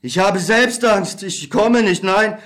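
A man's voice: high-pitched, slow pace, a bit bright. A man playing a weary, bitter young war returnee, tired and hungry, in a radio play. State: exhausted and hungry.

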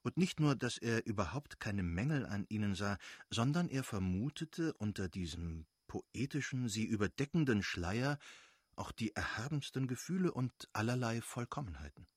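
A man reading a novel aloud as narrator, in a measured, expressive way with a husky voice. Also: lowish voice, dry recording, studio quality. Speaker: audiobook narrator.

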